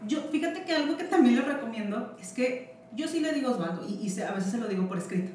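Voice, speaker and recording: A woman's voice: on the high side, lively intonation, darkish tone. Frank mother, distant and roomy. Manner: frank, halting with fillers. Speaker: podcast guest. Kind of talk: candid personal story. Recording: roomy, distant mic, faint noise.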